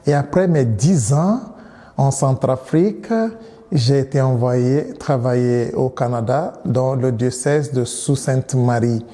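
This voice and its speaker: A priest in his thirties, from Nigeria, answers interview questions in a very dark, mellow voice. He speaks in a measured way and often restarts or repeats words. The sound carries a long reverb, as if recorded in a large hall. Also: medium pitch.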